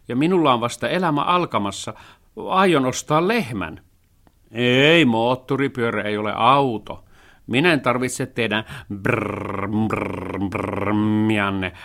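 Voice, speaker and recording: A man voicing a thrifty, fussy male house cat who scolds and worries about money in a storybook reading. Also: close to an everyday voice. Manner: scolding, worried, high and loud.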